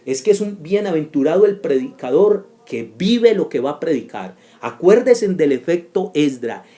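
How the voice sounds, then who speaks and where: A man's voice: fairly high pitch, big pitch swings, moderate pace, dark tone. A man teaching a class for preachers in a sermon style, with an emphatic, repetitive cadence and sudden rising bursts.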